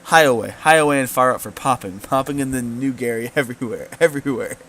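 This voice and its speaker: A man voicing an excitable male goblin who talks in broken grammar and repeats his words. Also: medium pitch, fast, natural voice. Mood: eager.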